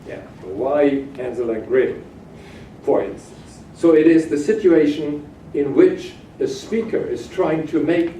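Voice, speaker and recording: A man giving a halting academic keynote lecture, with frequent hesitations, in a conference room. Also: on the high side, warm tone. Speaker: keynote speaker. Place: hotel conference room, at a lectern. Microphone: far camera at back of room. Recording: echoey distant room recording with noise.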